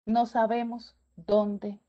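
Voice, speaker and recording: A woman giving an animated webinar lecture, often stopping to check in with her audience. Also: fairly high pitch, very slow. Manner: animated, asks checking questions, acts out student voices. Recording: dull lo-fi webinar audio.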